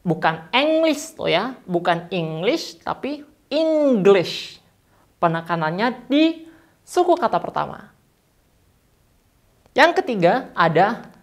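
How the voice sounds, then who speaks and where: Lively woman teaching English pronunciation. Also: a little high. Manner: slow, stretched model words between quick explanations. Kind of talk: friendly online lesson.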